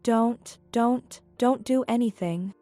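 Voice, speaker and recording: A man's voice: very high voice, slow pace, warm tone, no room sound, voice pushed up. A man voicing an injured young woman gang leader, faint and strained, in a storybook narration. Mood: urgent.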